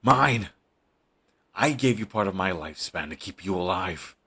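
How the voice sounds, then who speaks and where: Man doing a brooding villain, husky, very deep, intimate close-mic audio drama. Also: lively intonation, moderate pace, exaggerated voice. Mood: heated, defensive. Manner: intimate, shifts between hushed and heated. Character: brooding male villain, defensive and lovestruck. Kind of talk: audio roleplay monologue.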